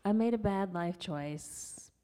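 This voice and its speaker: A woman hosting a casual chat, telling stories in an animated way and laughing often. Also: medium pitch, slow pace, smooth. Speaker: podcast host.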